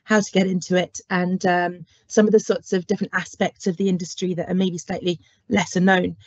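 A horticulture lecturer and curriculum lead gives an online careers talk through a cold and cough, explaining things in a friendly way with frequent ums. Her lowish voice is level and brisk, and the dry, dull lo-fi audio comes from a webcam or headset on a video call.

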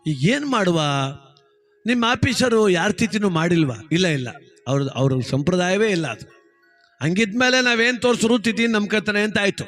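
High-voiced comic storyteller. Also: male voice, normal speed, a bit bright, soft background music. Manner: chatty, teasing asides. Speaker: comedy storyteller. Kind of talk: folk comedy storytelling.

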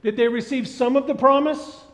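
A middle-aged man preaching a sermon on a church stage, animated and asking the congregation questions. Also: very high-pitched, normal speed. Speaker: pastor. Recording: dull sound with long hall reverb.

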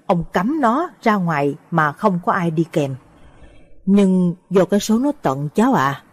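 A woman narrating a Buddhist audio story in a slow, solemn storytelling manner. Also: on the low side, darkish tone, breathy edge.

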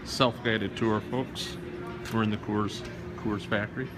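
A man's voice: on the low side, fairly even intonation, unhurried, heavy background noise. A man, chatting casually and laughing as he live-streams himself walking through an indoor brewery museum on a phone. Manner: chatty, folksy, laughs often. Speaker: livestreaming visitor on a tour. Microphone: phone held by the streamer.

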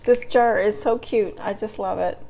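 A woman's voice: medium pitch, fairly even intonation, normal speed, vocal fry, dark tone, a little hiss or hum, rough recording. A middle-aged woman chatting casually as she demonstrates a recipe at home in her kitchen. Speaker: home cooking vlogger.

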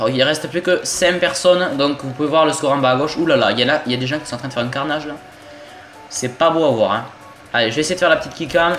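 A young man from southern France with a southern French accent, giving excitable, swearing gameplay commentary as he plays an online shooter. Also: on the high side. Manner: excitable, swears often, jokey asides. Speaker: gaming YouTuber. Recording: roomy home recording with game music.

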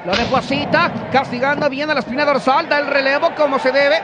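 A Mexican man calls lucha libre as a wrestling commentator in a very high, excited voice. His phrasing is florid and dramatic. A loud crowd and heavy arena noise surround him. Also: a little fast.

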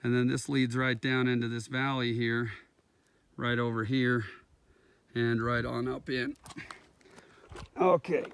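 Walking a windy, rocky mountaintop with a handheld phone, a man narrates a video unscripted. His medium-pitched voice is steady, slow and creaky, broken by long pauses. Very loud wind noise fills the phone's microphone.

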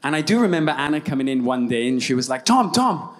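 Talking very fast at medium pitch, a young Welsh man delivers a keynote from the stage of a large conference hall, holding a handheld mic. He tells stories in his Welsh accent, leaning on self-deprecating humor.

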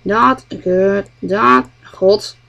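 A woman muttering commentary while playing a game, swearing a lot and often speaking quietly. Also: medium pitch, extremely slow, vocal fry, highs cut off. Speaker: gamer. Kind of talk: gameplay commentary.

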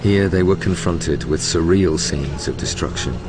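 A man giving grave, measured scripted narration for a documentary voice-over. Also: very deep voice. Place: studio voice-over. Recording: loud music bed behind.

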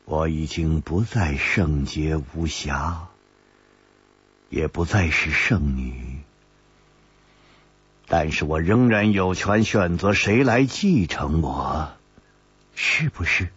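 A man voicing a calm, composed young woman, a former sect saint, in a storytelling audiobook, speaking softly and slowly. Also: rumbling low, slightly rough, dry recording, voice pushed down, heavily acted. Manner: soft, slow and composed. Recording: dull lo-fi dry recording.

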